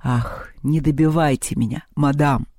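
A man voicing a pompous, gallant male eagle in a storybook reading, speaking slowly and grandly. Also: steady tone, warm tone, dry recording, clean studio sound, natural voice. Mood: whining. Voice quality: slow, deep, theatrical.

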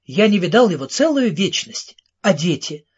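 A man voicing an excitable, famous male storyteller who gushes and rattles off questions, in an audiobook. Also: high voice, breathy edge, dull audio, full character voice. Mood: excited, gushing. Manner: breathless, gushing, rapid-fire questions.

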